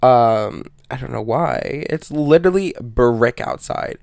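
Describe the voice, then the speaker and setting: A man's voice: mid-range voice, expressive, slow pace, creaky, darkish tone, smooth, no room sound, studio quality. A man with allergy congestion, hosting a casual solo podcast in a rambling, slangy, self-interrupting way. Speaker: podcast host.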